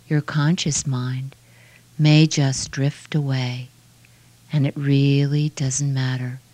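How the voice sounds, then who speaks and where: A woman guiding a relaxation meditation in a soft, hushed, soothing voice with measured phrases that trail off breathily. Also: a bass voice, no echo. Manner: slow, measured phrases with long pauses. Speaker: relaxation guide.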